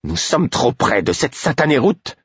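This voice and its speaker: A man reading an audiobook voices a stern, irritable old woman healer who barks sharp, scolding orders. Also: sits high, huge pitch swings, slow, gravelly, slightly rough, no echo, clean studio sound, voice pushed up, exaggerated voice.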